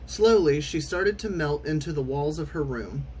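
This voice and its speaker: A man's voice: on the high side, expressive, moderate pace, a little mellow. Theatrical man reading a storybook, noisy background. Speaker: storytime reader. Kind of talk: expressive children's storybook narration.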